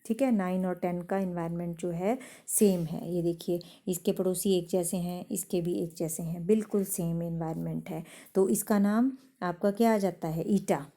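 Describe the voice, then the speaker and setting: A woman's voice: on the low side, fairly even intonation, moderate pace, hardly any pauses, mellow. A woman teaching a chemistry lesson, explaining step by step and often checking that her students have understood. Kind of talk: classroom lecture.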